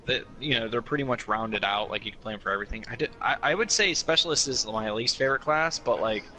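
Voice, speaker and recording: A man's voice: mid-range voice, quick pace, pushed and bright. A man in casual gaming chat over a headset, eagerly explaining game tactics and swearing along the way. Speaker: podcast co-host.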